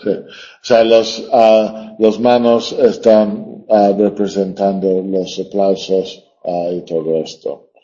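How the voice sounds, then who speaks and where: Slow, dark-voiced male teacher lecturing. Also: lowish voice, level tone. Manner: hesitant, full of fillers, explanatory. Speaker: literature teacher. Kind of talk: classroom lecture. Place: classroom. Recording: dull lo-fi classroom recording.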